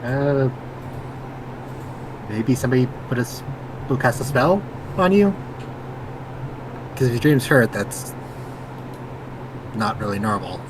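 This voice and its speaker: A man's voice: mid-range voice, animated, a little slow, long pauses. A man playing a tabletop game, talking casually as he reasons things out in play. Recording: clear background noise.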